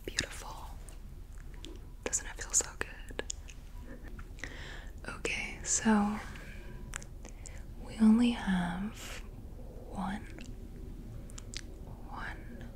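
A woman doing a whispered role-play as a gentle, soothing spa attendant, in a soft, breathy whisper. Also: mid-range voice. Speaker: ASMR host playing a spa beautician.

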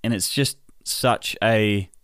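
A man hosting a solo podcast in a casual, low, unhurried and subdued way, sounding tired and sore. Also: a bit bright, no echo. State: tired and in pain, recovering. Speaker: podcast host.

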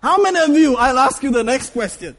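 Slow, high-voiced joking male preacher. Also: animated, fairly bright tone, slight background noise. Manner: joking, playful, laughs often. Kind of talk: sermon with interpreter.

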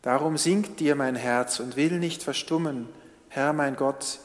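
A male pastor, leading prayer and reading scripture in a calm, measured, solemn manner. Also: medium pitch. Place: church. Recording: long church reverb.

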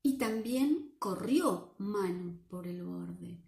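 Rioplatense woman reading a storybook to children, slow unhurried pace, gravelly fry, echoey room. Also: mid-range voice. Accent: Rioplatense Spanish. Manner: lively, playful, asks children questions. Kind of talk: animated read-aloud for children.

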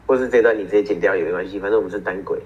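A man's voice: deep voice, racing, slightly rough. A teenage boy from Taiwan, co-hosting a casual podcast, telling stories and teasing his friend. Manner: storytelling, teasing. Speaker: podcast co-host. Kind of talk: casual chat. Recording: muffled single-track home recording.

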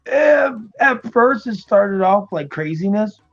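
A man from the United States, raised in New York and Florida, talking as an interview guest in a relaxed, hesitant way with many ums. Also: high-pitched, slow pace, lo-fi sound, soft background music. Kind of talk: casual interview chat.

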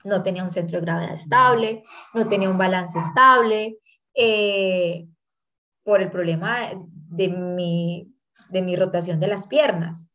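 A woman in her thirties with a Colombian accent, a guest in an interview telling her life story in an earnest, animated way and acting out what people said. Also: on the low side, measured pace. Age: 30s. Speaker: guest, tango dancer.

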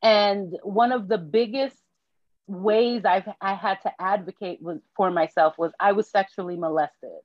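A woman's voice: mid-range voice, unhurried, no echo. This woman from Haiti tells her own story on a podcast, candid and reflective, often stopping and restarting. Her voice sits in a middle register. The recording is close and dry, with a slightly muffled, lo-fi tone. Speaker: podcast guest. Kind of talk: personal storytelling interview. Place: New York.

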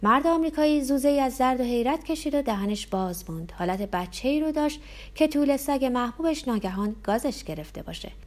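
A woman's voice: sits high, animated, darkish tone. Female audiobook narrator, tense dramatic first-person story reading.

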